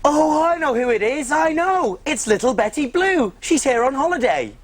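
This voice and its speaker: Wildly animated bumbling big cook. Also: male voice, extremely high pitch, moderate pace. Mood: cheerful, eager. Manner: bumbling, hesitant, exaggerated. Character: Ben, big bumbling good-natured male cook. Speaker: children's TV presenter. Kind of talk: playful children's show presenting.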